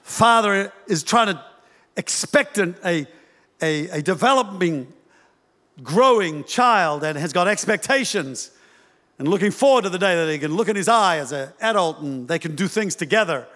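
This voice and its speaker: A male pastor preaching a sermon, animated and humorous, acting out voices as he tells it. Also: high-pitched, normal speed. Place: church hall. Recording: church hall reverb.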